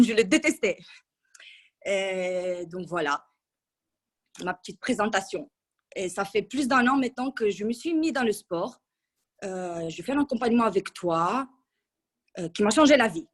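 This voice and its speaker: This woman in her thirties talks at normal speed with a mid-range voice and lively intonation. Giving a casual interview testimonial as a coaching client, she chats freely, restarting often and using many fillers.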